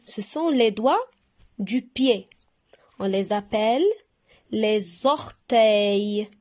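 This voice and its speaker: A woman teaching young pupils to read, stretching out each sound and syllable slowly and clearly so they can repeat after her. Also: a little high, lively intonation, a little mellow. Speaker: primary school French teacher. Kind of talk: recorded reading lesson for young pupils.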